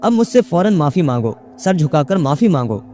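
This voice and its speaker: A man's voice: a little high, very animated, moderate pace, faint music behind. Man voicing a furious young man playing caliph. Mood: imperious. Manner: commanding, shouting, indignant. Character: young man, deluded he is caliph, imperious and angry.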